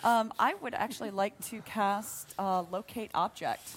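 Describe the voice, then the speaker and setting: A woman's voice: mid-range voice, a little slow. A woman playing a tabletop game who talks in a playful, joking way. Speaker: player. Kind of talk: casual play at a tabletop game.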